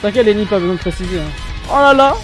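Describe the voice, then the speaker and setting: A woman's voice: mid-range voice, expressive, fast talker. A woman hosting a reaction video, commenting casually in slangy, exclamatory bursts. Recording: music from the show behind.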